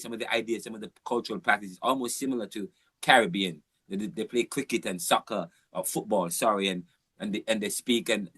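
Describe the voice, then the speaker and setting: A man's voice: lowish voice, fairly bright tone, no echo. A man from Jamaica, giving an informal, rambling university lecture with emphatic repeats and frequent restarts.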